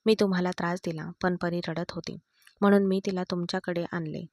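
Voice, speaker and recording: A woman's voice: on the low side, fairly even intonation, a little fast, a little mellow, no echo, studio quality, natural voice. A woman voicing an apologetic young hotel receptionist in a read-aloud story. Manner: polite and apologetic.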